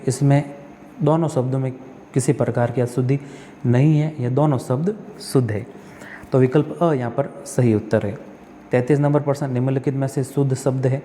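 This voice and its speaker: Recorded in a large hall with a little background noise, a male tutor with a dark, medium-pitched voice takes on exam practice questions. He reads each aloud, corrects the spelling gradually, and puts questions to himself that he then answers.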